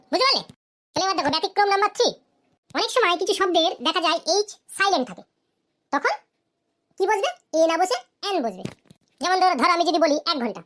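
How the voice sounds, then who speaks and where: A woman teaches grammar in a cartoon lesson, her voice very high and her pace quick. She asks the class question after question and answers them herself, then says each English example slowly. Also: fairly bright tone.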